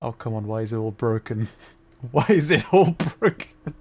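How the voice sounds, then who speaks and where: This livestream host plays a video game and chats casually while trying to fix a problem, coming across as flustered, apologetic and quick to put himself down. His medium-pitched voice is expressive, darkish and slightly rough, delivered at a moderate pace.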